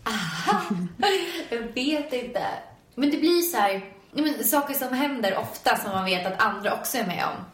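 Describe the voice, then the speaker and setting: A young woman guest chatting casually and telling stories with a giggly, animated manner, acting out her own reactions. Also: on the high side. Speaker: guest, video maker. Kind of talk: casual chat. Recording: roomy echo.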